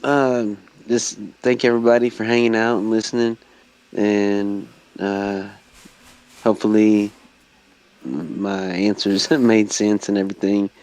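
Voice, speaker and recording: Male guest, low flat delivery, hesitant, lots of ums. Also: a little slow, rough recording. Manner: hesitant, soft-spoken, many fillers. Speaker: guest beatmaker. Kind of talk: casual chat.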